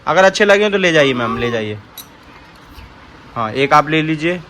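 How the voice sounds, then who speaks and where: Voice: medium pitch, moderate pace. A family vlogger with a Bundelkhandi accent talks in a teasing, playful way at home. The voice swings widely up and down. A faint hiss sits under it. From Bundelkhand, India. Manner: teasing, animated, laughs often. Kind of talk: playful home vlog, playing shop with children.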